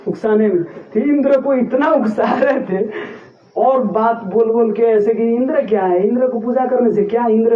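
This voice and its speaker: High-pitched male preacher, chatty sermon storyteller, distant mic, dull sound. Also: echoey room. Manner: homely, chatty retelling with everyday examples; recites Sanskrit verses slowly.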